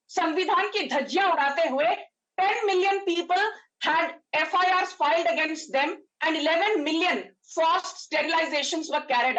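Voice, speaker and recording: A woman's voice: extremely high pitch, fairly bright tone, low-quality recording. A woman with an Indian accent arguing combatively as a political spokesperson, emphatic and repetitive, slipping Hindi into English. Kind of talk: combative TV debate argument.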